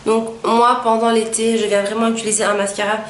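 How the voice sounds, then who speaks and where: This is casual makeup tutorial narration from a young woman whose slightly high voice barely moves in pitch. Explaining step by step, she pauses a lot with brief fillers, while the roomy space gives her an echo and a faint ambient hum lingers underneath.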